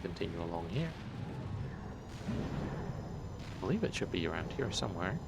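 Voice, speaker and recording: Gravelly, sweary gameplay commentator. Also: male voice, deep voice, big pitch swings, moderate pace, very noisy. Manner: sweary, jokey, chatting to viewers while playing. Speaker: let's play host. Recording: voice over loud game sounds.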